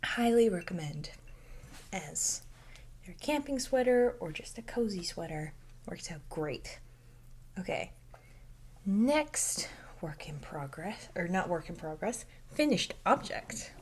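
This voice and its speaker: A young woman chats casually about her knitting, talking softly and often slipping into a near-whisper. Her voice sits a little low and comes across breathy and husky. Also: big pitch swings, takes it slowly. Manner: soft-spoken, drifting into near-whispers. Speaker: knitting podcast host. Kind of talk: casual knitting video podcast. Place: home.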